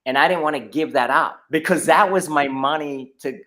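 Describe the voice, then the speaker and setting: A middle-aged man from New England with a Boston accent guests on a podcast, telling long, rambling stories in casual chat and restarting often. His voice is a little high, pushed, and bright, at a normal speed.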